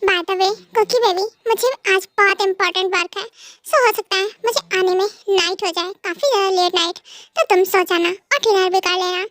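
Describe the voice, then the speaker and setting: Fan-dub mafia husband, possessive and scolding but soft underneath, voiced by a young woman in a very high voice. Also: steady tone, normal speed, dry recording. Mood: coaxing. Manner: scolding, then coaxing and tender.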